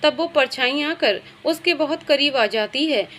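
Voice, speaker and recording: A woman narrating a scripted story in a steady, plain storytelling manner. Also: high voice, unhurried.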